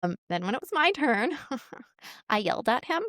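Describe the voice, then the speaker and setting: A woman's voice: a little high, very animated, moderate pace, fairly bright tone, no echo. Candid, blunt woman guest, dry sound. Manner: candid and blunt, often laughing while she talks. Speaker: podcast guest, author. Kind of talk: casual interview chat.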